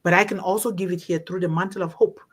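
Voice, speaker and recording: Born and raised in Africa, this woman hosts a discussion in a lowish, husky voice, talking fast with fairly even intonation. Her style is impassioned and informal, a blend of storytelling and exhortation, and she repeats phrases for emphasis.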